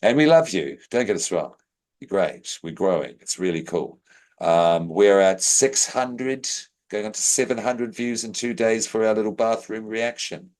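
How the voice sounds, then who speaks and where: Deep-voiced jokey podcast host. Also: male voice, measured pace. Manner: jokey, rambling, bursts of excited loudness. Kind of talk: casual podcast sign-off chat.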